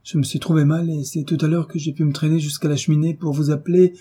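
A man's voice: on the low side, animated, normal speed, dark tone, breathy edge. A man voicing a faint, frail young mother, speaking weakly and breathlessly in a storybook reading. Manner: weak and breathless.

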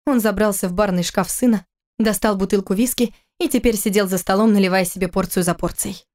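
A woman's voice: medium pitch, a little fast, a little mellow. Woman narrating an audiobook. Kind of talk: scripted narration.

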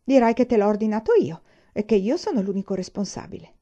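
A woman's voice: mid-range voice, lively intonation, quick pace, warm tone, pitched above the performer's own voice. A woman voicing a proud, haughty rich young man in a curt, commanding way, read from a storybook. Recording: dull lo-fi recording.

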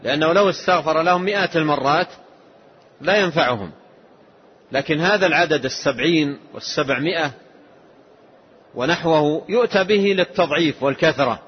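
A man giving a slow, measured religious lesson, explaining a text line by line. His voice is husky. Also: fairly high pitch. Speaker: Islamic scholar. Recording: dull lo-fi lesson tape.

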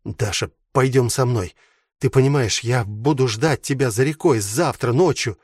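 A man's voice: mid-range voice, normal speed, a little mellow, slightly rough, dry recording, clean studio sound, natural voice. A man voicing an earnest tender young man. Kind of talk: audiobook reading.

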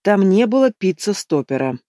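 A man's voice: sits high, very animated, normal speed, dark tone, no room sound, clean studio sound, pitched above the performer's own voice. A man voicing a tense young housewife who sounds strained and defensive. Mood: quiet.

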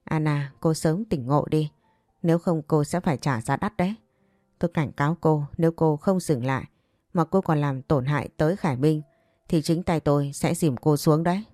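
A woman voicing a composed young wife with a sharp tongue who cuts her rival down, in a narrated story. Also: sits low, normal speed, no room sound, clean studio sound, natural voice. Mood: cool. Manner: cool and cutting.

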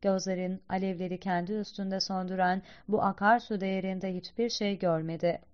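A woman's voice: mid-range voice, fairly even intonation, moderate pace, a little mellow, smooth, lightly acted. Woman reading as a grave old guide poet. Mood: calm. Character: stern wise old male guide poet. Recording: slightly dull lo-fi recording.

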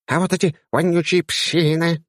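A man's voice: a little high, flat delivery, moderate pace, fairly bright tone, dry recording, studio quality, pitched above the performer's own voice, close to an everyday voice. A man voicing a haughty bald male cat-alien envoy in an audiobook, sneering and indignant, stretching out his words. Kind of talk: audiobook character voice.

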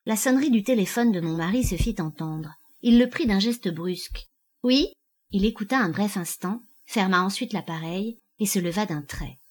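A woman reading a first-person audiobook in a measured, expressive storytelling manner. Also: mid-range voice, slightly rough. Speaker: audiobook narrator.

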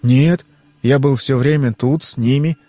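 A man's voice: mid-range voice, steady tone, measured pace, dark tone, no room sound, soft background music, lightly acted. A man voicing a nervous, fussy middle-aged businessman worried about his daughter.

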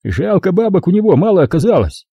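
A man's voice: sits high, sing-song, fast talker, creaky, warm tone, slightly rough, no room sound, studio quality, pitched above the performer's own voice, heavily acted. A man reading an audiobook, voicing a dim-witted young thug who whines and complains. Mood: whiny. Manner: complaining, wheedling.

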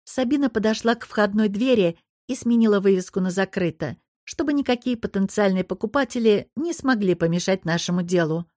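A woman narrating a first-person fantasy audiobook in a steady storytelling manner, close to the mic. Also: medium pitch, brisk, hardly any pauses, dry recording.

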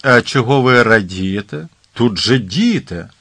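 A man's voice: mid-range voice, lively intonation, unhurried, creaky, fairly bright tone, no echo, full character voice. A man doing an indignant, scolding schoolteacher. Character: indignant middle-aged schoolteacher woman.

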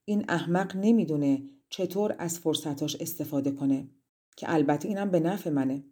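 A woman voicing a haughty, greedy princess in a fairy-tale audiobook, exclaiming loudly and mocking slyly. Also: low-pitched, natural voice. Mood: smug.

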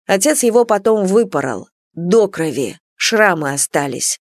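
A woman narrating an audiobook in a measured, dramatic storytelling manner. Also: fairly low pitch, sing-song, no echo, clean studio sound.

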